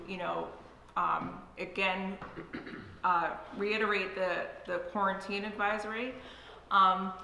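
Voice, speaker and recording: A health official speaking on a conference call, her voice bright and forward. She explains procedure carefully and steadily, pausing often on fillers. The line sounds roomy and echoey, with a faint hiss behind her. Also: mid-range voice. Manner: measured, procedural, many fillers. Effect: heard over a conference call line. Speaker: local health department official. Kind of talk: public Q&A answers.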